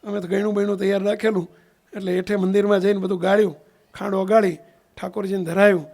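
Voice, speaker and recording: High gravelly swami preaching. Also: male voice, little pitch movement, fast talker, darkish tone. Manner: keeps asking the listeners "understood?"; acts out the voices of people in his stories. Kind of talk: sermon storytelling in a Gujarati satsang.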